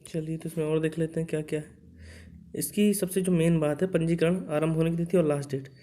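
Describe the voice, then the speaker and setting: Reading out a recruitment notice in an informal lesson, this exam coaching instructor and channel host explains things conversationally, often tacking on little check-in words. His voice is soft, mellow, a touch high, fairly even in tone and fairly quick.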